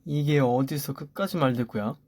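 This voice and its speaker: A man's voice: mid-range voice, moderate pace, darkish tone, no echo, close to an everyday voice. A man voicing a scheming older mother-in-law who scolds her daughter-in-law with cutting remarks, in a story radio drama. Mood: scornful.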